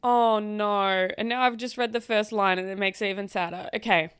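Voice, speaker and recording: An outspoken woman hosts a casual reaction chat and talks straight to her viewers. She sounds animated and swears freely. Her voice sits in the middle of a woman's range, and the recording is dry and close with no room echo. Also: mid-range voice, normal speed, clean tone. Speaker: host reacting to online stories.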